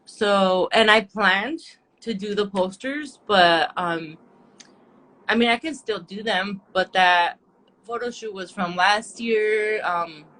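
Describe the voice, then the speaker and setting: A woman, a nail artist chatting candidly as an interview guest, relaxed and full of "like" and "um". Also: mid-range voice, slight background noise. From Orange County, California. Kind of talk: casual interview chat.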